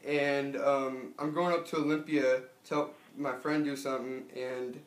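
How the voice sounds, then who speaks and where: A young man making a casual prank phone call, talking in a hesitant, halting way. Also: mid-range voice, flat delivery. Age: young adult. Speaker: prank caller. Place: small furnished room at home. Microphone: camera a short distance away. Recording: echoey room, camera mic.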